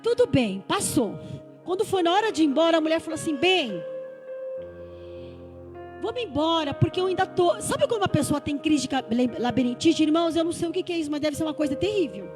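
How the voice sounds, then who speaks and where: High-voiced woman pastor, fervent testimony. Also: big pitch swings, a little fast, music in the background. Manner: storytelling, acting out dialogue, rising to fervent preaching. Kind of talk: testimony sermon.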